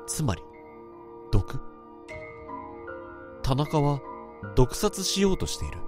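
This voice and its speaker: Over background music, a man with a mid-range voice takes his time, his pitch swinging widely. As narrator and lead, he portrays an introspective, troubled young office worker telling his own story in the first person, brooding and anxious.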